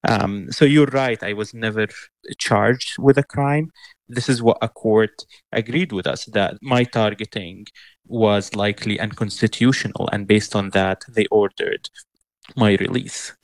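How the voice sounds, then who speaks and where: A young man from Syria, answering interview questions in an earnest, measured way with frequent restarts. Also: fairly low pitch, dry recording. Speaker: interview guest.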